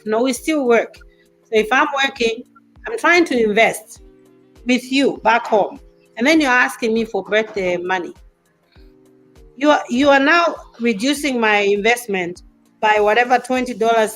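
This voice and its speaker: A woman's voice: a little high, a bit bright, rough recording. Emphatic woman in her fifties hosting. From Zambia. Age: 50s. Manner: emphatic, repeats points for stress. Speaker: talk show host. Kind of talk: casual panel chat.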